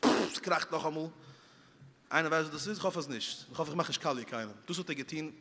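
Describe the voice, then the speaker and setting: Bright-voiced man telling moral stories. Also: fairly high pitch, racing, husky. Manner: vivid storytelling with mouth sound effects. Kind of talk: moralizing storytelling talk. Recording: long hall reverb.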